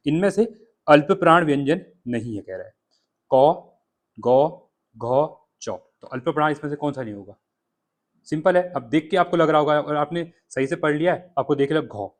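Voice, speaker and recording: Man, exam tutor, walks through a past paper, step-by-step, repeats letters slowly. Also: a little high. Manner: explains step by step, repeats "theek hai" often.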